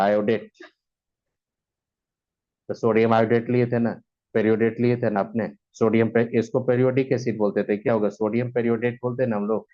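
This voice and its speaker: A man's voice: medium pitch, dark tone, lo-fi sound. A man teaching chemistry in mixed with terms, who keeps asking his students questions and answering them himself. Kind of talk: classroom lecture.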